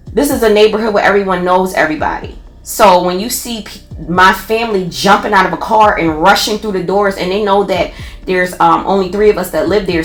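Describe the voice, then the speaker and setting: A woman with a Philadelphia accent tells a personal story in a casual podcast, animated and full of restarts. Her voice sits in the middle of the female range. The room around her is noticeably echoey. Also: mid-range voice. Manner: animated retelling with many restarts and laughs.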